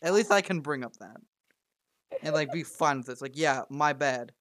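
A man's voice: a little high, normal speed, fairly bright tone, slight background noise. A man hosting a casual podcast chat, joking and teasing his friends and swearing freely. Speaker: podcast host.

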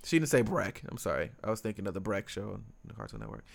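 A man's voice: fairly low pitch, lively intonation, quick pace, vocal fry. A man co-hosting a podcast in casual conversation, rambling with lots of fillers and restarts. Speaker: podcast co-host.

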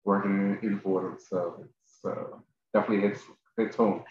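Low-voiced New man in a roomy space. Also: steady tone, a crowd in the background. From the Bronx, New York. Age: 40s. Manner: halting, repetitive, informal phrasing. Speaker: interviewer. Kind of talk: casual chat. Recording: roomy, echoing, slightly dull audio.

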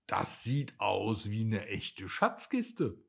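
A man's voice: fairly low pitch, wildly swooping pitch, takes it slowly, gravelly, husky, exaggerated voice. A man voicing a big, friendly whale who talks cheerfully and reassuringly.

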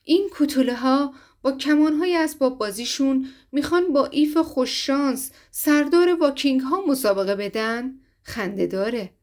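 A woman's voice: sits high, animated, a little mellow, voice pushed up. A woman voicing a boastful, mocking young male Viking warrior in a storybook reading, with a raised, scornful voice.

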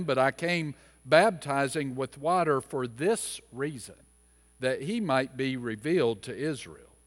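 A man, a pastor, reading scripture aloud and then preaching a sermon, measured in his reading and more animated when he explains the passage. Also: mid-range voice. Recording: long reverb of a church hall.

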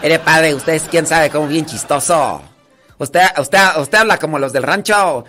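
A man, a priest, voicing a chatty, insistent rural village woman who coaxes and flatters in country speech. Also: low-pitched, slow pace, faint music behind, heavily acted. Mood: flattering. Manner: pleading, coaxing, rural speech.

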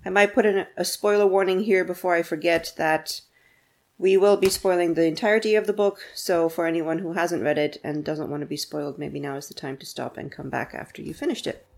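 A woman's voice: lowish voice, fairly even intonation, brisk, vocal fry, a little mellow. A woman co-hosting a book podcast, chatting casually, laughing often, and reading a blurb aloud.

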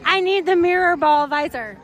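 Excitable female host at a pool party, very high voice, profane and gushing, music and chatter behind. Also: normal speed. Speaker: podcast host interviewing camp guests.

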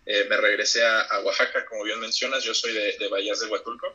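A man's voice: lowish voice, flat delivery, fast talker, bright, forceful tone, muffled recording. A man with a Mexican Spanish accent, chatting as an interview guest, reflective and full of restarts. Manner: reflective, many hesitations and restarts. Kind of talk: casual interview chat.

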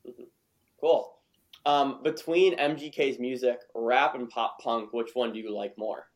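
A man's voice: mid-range voice, steady tone, a little slow. A man hosting a casual podcast interview, easygoing and encouraging, often repeating words as he thinks of the next question. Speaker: podcast host.

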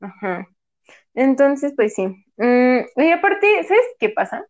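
A woman's voice: sits high, sing-song, takes it slowly. A woman chatting casually, often tagging her sentences with "¿sabes?". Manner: chatty, peppers speech with "¿sabes?". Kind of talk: casual chat. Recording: slightly dull lo-fi audio.

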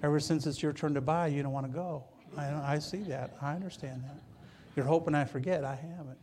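A Michigan pastor delivers a sermon in a slightly high, steady, somewhat mellow voice, speaking a bit quickly. He chats casually with the congregation, tosses in joking asides, and often repeats words as he begins a phrase.

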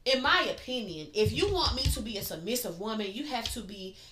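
A woman's voice: fairly high pitch, animated, a little fast, fairly bright tone, reverberant, faint music behind. A woman co-hosting a casual chat podcast, talking bluntly and emphatically with plenty of swearing. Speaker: podcast co-host.

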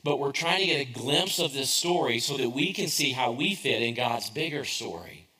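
Bright-voiced man preaching a conversational sermon. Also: mid-range voice, lively intonation, moderate pace, poor audio. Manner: conversational storytelling, self-deprecating humor, rhetorical questions. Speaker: pastor.

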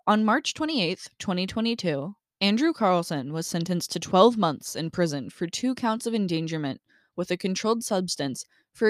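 A woman's voice: fairly low pitch, no echo, clean studio sound. A young adult woman co-hosting a true crime podcast, reading case details and venting bluntly with swearing. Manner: reads case facts then vents bluntly with swearing. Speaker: podcast co-host.

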